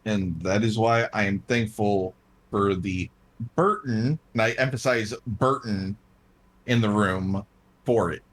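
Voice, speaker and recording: A male gem dragon speaking in an earnest, hesitant manner, with pauses between his phrases, voiced by a man. His voice is low and his delivery is slow and calm.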